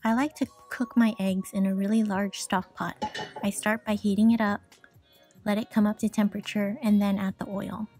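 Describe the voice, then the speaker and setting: Lady narrating her cooking vid, mid-pitched, calm and practical, soft music under it. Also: moderate pace. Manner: calm, matter-of-fact, explains step by step. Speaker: frugal cooking vlogger. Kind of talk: voice-over cooking instructions.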